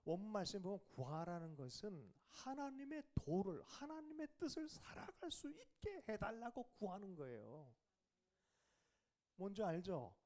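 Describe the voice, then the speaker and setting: A man pastor preaching a revival sermon who questions the congregation and drops to a whisper for quiet asides. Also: high-pitched, wildly swooping pitch, moderate pace. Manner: questions the congregation and asks for replies.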